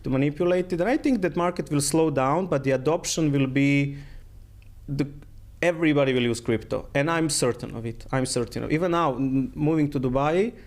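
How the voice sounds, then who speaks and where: A man's voice: a little high, brisk, darkish tone. A middle-aged man from Croatia, a guest in a casual interview, speaking in phrasing and often repeating his words.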